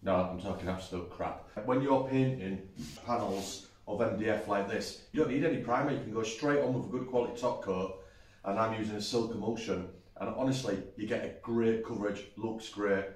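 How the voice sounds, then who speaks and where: A man's voice: fairly low pitch, fairly quick. A man, chatting casually and explaining each step as he builds furniture in a large workshop. He is self-mocking and talks through his work. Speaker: woodworking channel host. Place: large indoor woodworking workshop. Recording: roomy workshop echo, faint noise.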